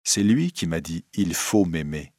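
A man with a low, husky voice reading the lines of an anxious young woman singer in a storybook. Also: animated, unhurried, a little mellow, no echo, clean studio sound. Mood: earnest.

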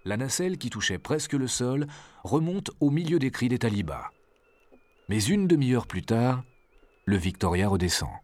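A man narrating a storybook adventure in a measured, expressive reading. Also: medium pitch, no echo.

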